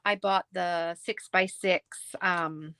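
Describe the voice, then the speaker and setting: A craft livestream host with a Canadian accent chats casually while crafting, giggly and rambling. Her voice is on the low side and steady in tone, slow, and fairly bright.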